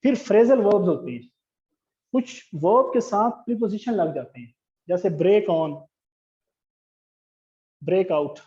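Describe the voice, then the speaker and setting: A man's voice: high voice, animated, slow pace, long pauses, warm tone. A man teaching English grammar in a classroom lecture, explaining step by step and asking the class questions. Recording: dull lo-fi classroom recording.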